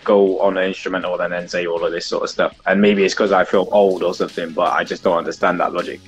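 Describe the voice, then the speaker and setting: A man's voice: low-pitched, little pitch movement, quick pace. A man with an urban British accent chatting casually on a livestream, opinionated, slangy and sweary. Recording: muffled livestream audio with faint music.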